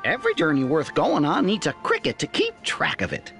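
A tiny cartoon cricket companion in a game. He is chipper and extremely animated, with faint music behind him. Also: on the high side, brisk, exaggerated voice.

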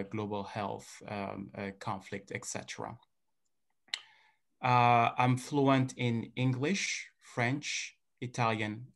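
A man's voice: on the low side, creaky. A man from Senegal, a tour guide, introducing himself on a video call with many uhs. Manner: flat, steady delivery with many uhs. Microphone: laptop video call.

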